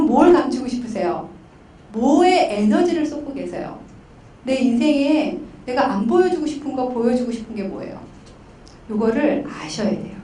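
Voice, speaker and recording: High-voiced woman counselor, echoey hall. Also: far from the mic, slight background noise. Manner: animated storytelling with acted quotes. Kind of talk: conference talk.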